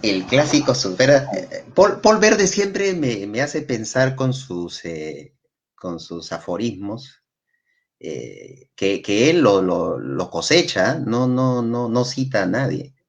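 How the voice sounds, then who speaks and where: A man's voice: mid-range voice, slow, gravelly. A man, a guest in casual chat, telling stories and acting out the people in them. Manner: animated storyteller, acts out quotes. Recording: dull lo-fi sound.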